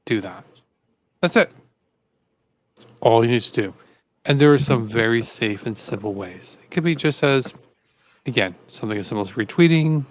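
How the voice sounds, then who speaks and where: Man, co-host, casual political commentary, rambling, fired up, mid pitch. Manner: rambling, repeats himself, fired up.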